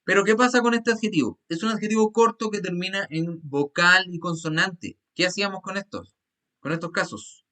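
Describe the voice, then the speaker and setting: Guy teaching english online, kinda high bright voice, goes over the rules slowly and patiently. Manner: patient, repeats rules step by step. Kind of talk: online class explanation.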